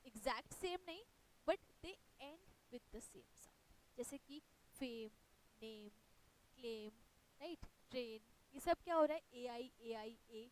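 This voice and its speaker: Her voice sits high and the recording is rough. An Indian-accented woman delivers an online exam-prep lecture, patiently explaining in blended Hindi and English and often asking "right?".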